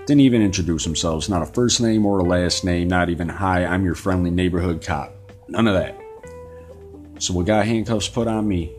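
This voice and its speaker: A man hosting a podcast, telling a story in an indignant, profane rant. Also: deep voice. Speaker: podcast host. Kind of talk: angry storytelling monologue.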